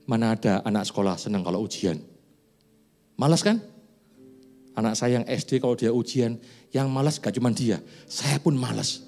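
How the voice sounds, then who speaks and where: Speaking at a moderate pace with long pauses, a pastor in his forties preaches in a church sanctuary over soft background music. His mid-range voice is darkish, and his conversational sermon includes joking asides and rising, emphatic questions to the listeners.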